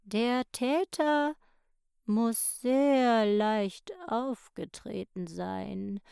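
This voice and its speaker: A woman voicing an old female snail with a raspy voice, who speaks slowly and half whispers. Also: a little high, fairly even intonation, mellow, no echo, studio quality, exaggerated voice. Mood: unhurried. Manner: slow, drawling, half-whispered.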